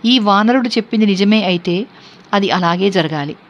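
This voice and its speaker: A woman voicing a grieving, devoted young princess held captive, in a scripture reading, with steady, earnest recitation and a dull lo-fi sound. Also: mid-range voice, moderate pace, lightly acted. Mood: anxious. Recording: dull lo-fi recording.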